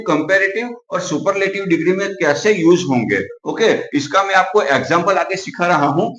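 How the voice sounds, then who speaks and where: A man with a fairly high voice teaches English grammar and says "okay" again and again. He says example words slowly a second time. The recording is echoey and a little dull. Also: a bit bright, a little hiss or hum. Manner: says "okay" often, writes while explaining. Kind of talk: explaining grammar to viewers.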